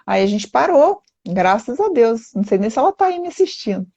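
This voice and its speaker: A woman's voice: on the high side, big pitch swings, fairly quick, dark tone. Earnest Brazilian woman host, lo-fi sound. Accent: Brazilian Portuguese. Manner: earnest, emphatic, with frequent "né?" tags. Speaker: therapist hosting a live stream. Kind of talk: casual live-stream interview.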